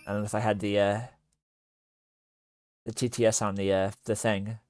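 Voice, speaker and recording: Halting, mumbling male streamer. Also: on the low side, little pitch movement, darkish tone, no room sound, faint music behind. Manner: halting, many fillers, trailing off mid-sentence. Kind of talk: casual livestream chat while working on 3D art.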